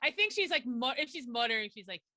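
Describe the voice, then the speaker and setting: A woman's voice: sits high, expressive, quick pace, sharp tone. A woman playing in a tabletop game, chatty and rambling as she thinks aloud. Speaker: player. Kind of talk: casual tabletop play.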